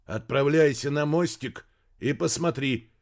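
A man's voice: mid-range voice, unhurried, natural voice. A man voicing a stern, curt male admiral in an audiobook, barking short orders. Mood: commanding. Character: stern commanding male admiral, middle-aged. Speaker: audiobook character.

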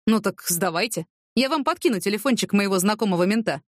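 A woman voices a wry, streetwise homeless man who drawls mocking slang and likes to philosophize, lightly acting the part. She talks fast and animatedly, her pitch swinging widely from line to line, and the sound is dry and close with no room sound.

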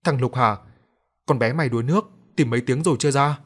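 A man's voice: mid-range voice, quick pace, close to an everyday voice. A man voicing a blunt old villager in his sixties with poor eyesight. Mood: worried.

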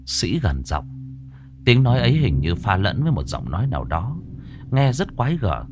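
A man's voice: on the low side, wildly swooping pitch, normal speed. A man reading a scripted horror story aloud, dramatic and lingering on gruesome detail.

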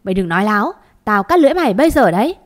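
A woman's voice: on the high side, expressive, brisk, fairly bright tone. A woman voicing a vengeful, jealous young wife who screams accusations in a storybook reading. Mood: furious.

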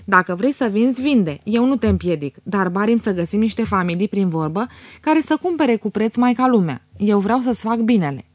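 Brief: a woman reading as a domineering shrew of a sister, bossy and sharp-tongued, dry storybook voice. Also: mid-range voice, expressive, no room sound, natural voice. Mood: placating. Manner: bossy, scolding.

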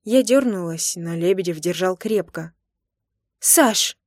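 A woman narrates a first-person romance audiobook. Her voice sits a little low, and her reading is intimate and expressive. The sound is dry and close, with no room around it. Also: normal speed, no echo.

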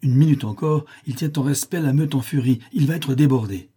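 A man's voice: mid-range voice, a little fast, dark tone, husky. A man reading an adventure novel aloud with vivid, emphatic delivery. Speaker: audiobook narrator.

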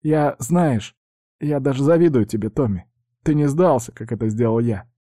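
A man voicing a beaten, frightened young male student with a whiny, high voice in an audiobook reading. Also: moderate pace, mellow, no room sound, clean studio sound, lightly acted. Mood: sad.

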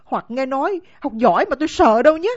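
A woman's voice: sits high, lively intonation, moderate pace. A woman voicing a poor but proud young female servant in an audiobook, speaking firmly and indignantly, in a dull, lo-fi recording. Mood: firm, quiet. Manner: firm, indignant. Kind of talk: audiobook character acting.

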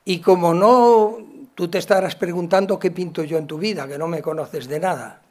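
Guy giving a talk, kinda high voice, tells stories and acts out the dialogue. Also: moderate pace. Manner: animated, acts out dialogue with shifts in loudness. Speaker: psychologist and educator giving a talk. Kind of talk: storytelling lecture.

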